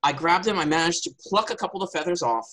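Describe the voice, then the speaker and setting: A man's voice: a little high, animated, fast talker, fairly bright tone, rough recording. A man telling a playful tall tale and hosting turns in an improvised storytelling game over a video call. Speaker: game host and player.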